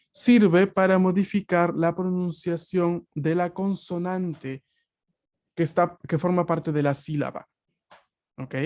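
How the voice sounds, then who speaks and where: A male language teacher giving a patient, explanatory online class over a video call, often pausing to check that students follow. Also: on the high side, a little mellow.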